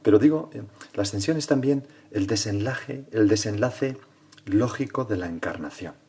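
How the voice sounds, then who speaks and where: A priest leading a prayerful spoken meditation, speaking directly to the Lord and often dropping to hushed tones. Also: male voice, fairly low pitch, normal speed.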